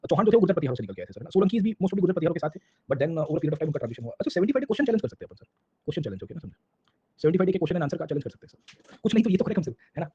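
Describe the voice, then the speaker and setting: A man's voice: a little high, very animated, racing, mellow, husky. A man teaching a casual online history lecture in speech, constantly checking in with "sir, samjhe?". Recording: dull lo-fi sound.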